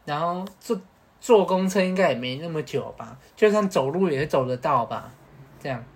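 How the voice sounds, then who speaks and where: Podcast co-host, man, Taiwanese Mandarin accent, slangy and animated storyteller. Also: on the high side, normal speed. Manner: animated, slangy, peppered with Hokkien swearing. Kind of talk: casual storytelling.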